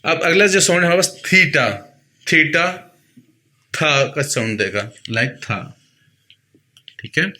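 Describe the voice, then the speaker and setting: Bright-voiced man teaching sounds. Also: medium pitch. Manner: patient, repeats each sound slowly for the learner. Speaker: pronunciation teacher. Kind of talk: explaining a lesson.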